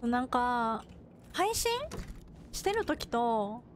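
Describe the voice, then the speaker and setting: High-voiced Kansai woman streaming a game. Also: big pitch swings, drawn-out words, slight background noise. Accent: Kansai Japanese. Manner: rambling self-talk between game remarks. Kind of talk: casual live-stream chat while gaming.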